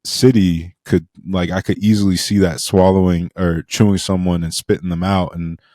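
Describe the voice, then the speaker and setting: A man's voice: sits low, little pitch movement, normal speed, warm tone, no echo, clean studio sound. A man hosting a podcast interview in a casual, slangy and enthusiastic way.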